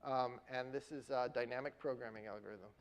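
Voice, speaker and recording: Man, university lecturer, classroom lecture, mid-pitched voice, step-by-step explanations, frequent check-ins with students. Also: fairly even intonation, a little fast, dull audio. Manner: explains step by step, often checks in with "right?" and "okay?". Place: lecture hall.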